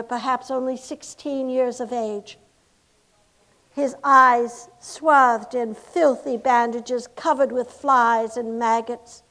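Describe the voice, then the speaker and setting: An actress in a live reenactment plays an earnest 1860s governor's wife, delivering a first-person historical monologue about her cause. Her high, fairly bright voice carries solemn, impassioned oratory, slow and deliberate, stressing each grim detail.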